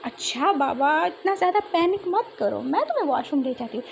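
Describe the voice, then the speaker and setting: A woman's voice: high voice, animated, brisk, creaky, slight background noise. A woman voicing a talkative, bossy young woman who teases a friend. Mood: soothing. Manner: bossy, teasing.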